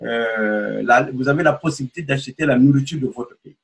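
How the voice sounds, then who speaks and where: A man's voice: mid-range voice, a little fast, creaky, slightly rough, low-quality recording. A man hosting an interview, explaining things and addressing the viewer. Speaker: interview host.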